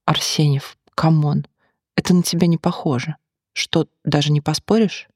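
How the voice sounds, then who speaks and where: An audiobook reader voicing a brash, curious male bar manager who keeps needling his drinking friend, in a husky voice. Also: mid-range voice, steady tone, moderate pace, darkish tone, dry recording, studio quality, lightly acted. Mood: teasing.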